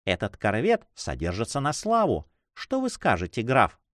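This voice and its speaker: A sharp, playful young lady full of mockery and wit, voiced by a man. Her lines leap up and down in a lively, animated way. The reading is dry and close. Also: mid-range voice, normal speed, dry recording. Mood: teasing. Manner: mocking, laughing, lively. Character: playful teasing young noblewoman, quick-witted.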